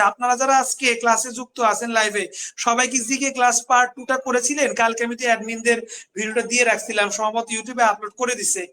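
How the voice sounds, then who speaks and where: A man's voice: very high-pitched, pushed and bright. A man from Bangladesh teaching English grammar in a live online class, repeating key points and asking questions back to his students. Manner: repetitive, drilling questions and answers.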